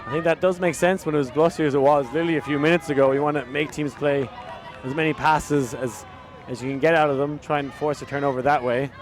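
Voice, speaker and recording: A man's voice: fairly even intonation, quick pace, a faint crowd. A man with an Irish accent doing live sports commentary. His voice lifts on big plays, and he chats along with fillers in between. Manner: rises in pitch and volume on big plays, chatty with fillers.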